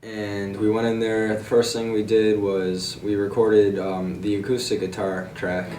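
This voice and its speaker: A man in his twenties from Massachusetts, a guitarist talking casually in a documentary interview, halting with fillers and restarts. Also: lowish voice, little pitch movement, mellow, roomy sound, distant mic, faint music behind. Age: 20s.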